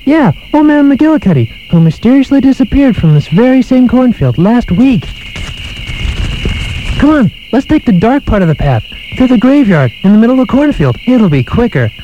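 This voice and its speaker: A man's voice: very high-pitched, very animated, normal speed, dull audio, a little hiss or hum. A jittery young boy. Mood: nervous. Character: nervous boy walking his dog home.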